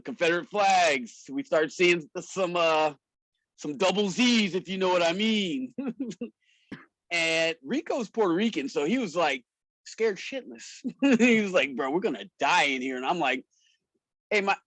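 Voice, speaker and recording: A man who wrestles and promotes shows swaps slangy, laughter-filled stories during a podcast interview. His fairly high, fairly bright voice has no echo, though the audio quality is poor.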